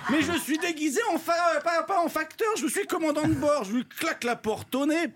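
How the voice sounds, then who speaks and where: High-voiced man telling a comic story. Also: very noisy. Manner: brisk storytelling, comic timing. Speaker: comedy columnist. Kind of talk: comic stand-up monologue.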